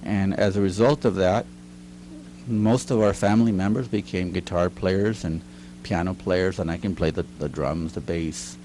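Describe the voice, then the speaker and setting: A man's voice: deep voice, fairly even intonation, moderate pace, mellow, slight background noise. A middle-aged man, a teacher and writer, telling stories as an interview guest in a chatty way, often laughing. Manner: chatty, laughs often, acts out quoted lines. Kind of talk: casual storytelling interview. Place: recording studio.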